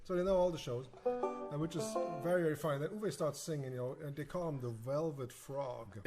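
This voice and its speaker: Chatty man, slightly high. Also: brisk, loud music behind the voice. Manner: chatty, laughing, stumbling restarts. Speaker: musician and show host. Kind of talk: casual banter between songs.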